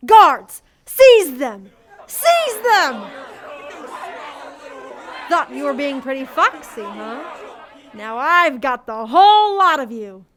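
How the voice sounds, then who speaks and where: A woman's voice: high voice, expressive, a little slow, a bit bright, a faint crowd. A teenage girl playing a tyrannical, gloating wicked witch in a stage play, imperious and taunting. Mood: gloating, commanding. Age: teens. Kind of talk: high school stage play acting. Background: music.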